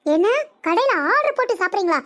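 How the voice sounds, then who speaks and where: A woman doing a shrill nagging old mother-in-law. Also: animated, fast. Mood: scolding. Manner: scolding, nagging, loud. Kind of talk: cartoon comedy voice acting.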